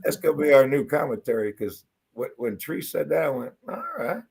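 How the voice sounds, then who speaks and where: Brief: male co-host, casual live-stream chat, swears freely, excitable storyteller. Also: medium pitch, a little fast, gravelly, husky.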